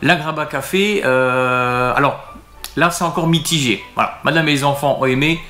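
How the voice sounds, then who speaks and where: A man's voice: a little high, normal speed, pushed and bright, reverberant, soft background music. A man talking casually to camera as a restaurant vlogger, hesitant and full of fillers and restarts.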